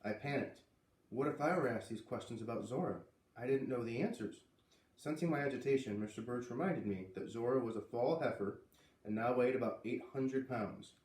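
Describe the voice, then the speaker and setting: Reading a storybook for a children's read-aloud series, a man voices the dialogue lightly and expressively at a moderate pace. His mid-range voice is a little mellow and sits away from the microphone in a roomy recording.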